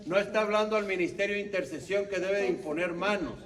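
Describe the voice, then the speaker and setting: His voice sits high and a bit bright, and he talks fast while teaching a church prayer group as a lay intercession-ministry instructor. He keeps confirming that people follow along, captured on a far-off mic with faint background noise.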